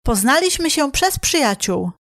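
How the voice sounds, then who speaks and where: A woman reading short phrases slowly and clearly for a language lesson. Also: high-pitched, very animated, a bit bright, dry recording, studio quality. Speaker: phrase reader in the learner's language.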